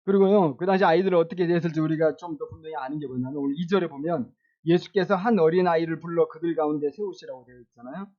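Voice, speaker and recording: A man's voice: a little high, fast, highs cut off. A male pastor preaching a sermon in a casual, conversational way, asking the congregation questions and chuckling now and then.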